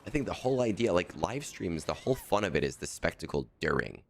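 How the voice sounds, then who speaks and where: A man with a low, gravelly voice streams a game and chats casually, rambling and joking with big pitch swings. He talks fast, and his voice is scratchy from the morning.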